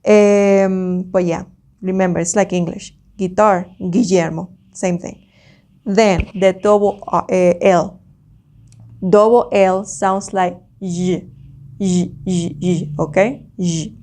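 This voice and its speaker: A woman, a native Spanish speaker with a Spanish accent, teaching a slow language lesson like a dictation, deliberately repeating words and sounds for the learner. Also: medium pitch, steady tone, warm tone.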